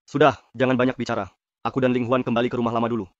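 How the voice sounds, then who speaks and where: A man playing a bold, loyal young immortal master in a dubbed fantasy drama, brisk and commanding, with slightly muffled audio. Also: mid-range voice, flat delivery, dry recording, lightly acted.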